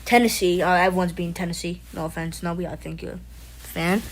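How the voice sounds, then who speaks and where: A woman's voice: fairly low pitch, steady tone, a little fast, poor audio. A woman hosting a casual live stream, joking around, rambling loosely and calling out to viewers by name. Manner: playful, jokey, talks to chat by name; loose and rambling, frequent fillers and restarts. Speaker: livestream host.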